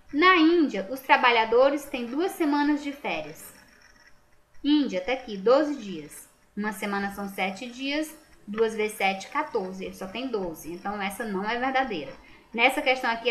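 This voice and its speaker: A woman's voice: on the high side, fairly bright tone. A Brazilian woman teacher patiently going over a school exam, asking and answering her own questions. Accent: Brazilian Portuguese. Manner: patient, checks answers aloud with rhetorical questions. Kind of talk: exam correction lesson.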